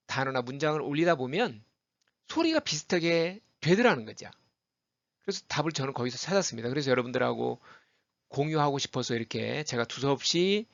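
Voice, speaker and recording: A middle-aged man leads a casual pronunciation lesson, drilling English words one by one in a fairly high voice. He switches to lively, animated explanation between drills. The recording is dry and a little muffled, close to the mic. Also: dry recording. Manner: repeats English words slowly as drills, then explains in lively conversational Korean. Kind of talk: casual spoken lesson with drilled word lists.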